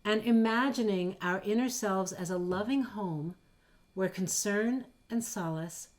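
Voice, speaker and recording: Slow, gentle soft-spoken woman. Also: medium pitch. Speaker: worship leader. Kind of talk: guided meditation in a service.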